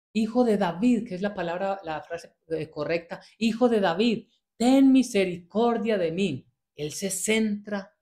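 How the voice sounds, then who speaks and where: Guy preaching a bible sermon, earnest, slow emphatic bits, pleading prayers over and over. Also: high voice, darkish tone. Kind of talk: sermon expounding a Bible passage.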